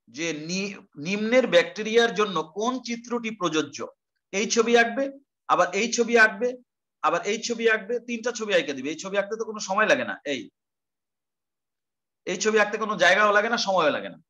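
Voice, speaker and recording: A man's voice: high voice, a bit bright, muffled recording. A male teacher giving an online class lecture, explaining step by step, repeating terms and asking rhetorical questions.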